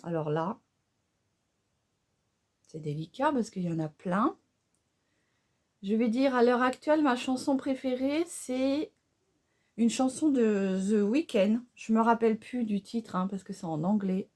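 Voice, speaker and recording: A woman's voice: fairly high pitch, a little slow, long pauses, darkish tone. Chatty woman vlogging while doing makeup. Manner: chatty and candid, frequent tag "hein". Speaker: beauty vlogger.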